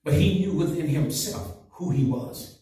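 A middle-aged man preaching a fervent sermon with call-and-response, his voice swelling into loud surges. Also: on the high side, unhurried. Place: small church room, indoors. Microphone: headset mic. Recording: echoey room, heard from a distance.

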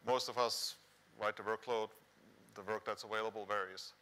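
A middle-aged Swiss professor gives a conference talk from the stage of a large, dark indoor hall, keeping it conversational and posing rhetorical questions to the audience. His voice sits on the low side with fairly even intonation, a moderate pace, and a bright, forceful tone.

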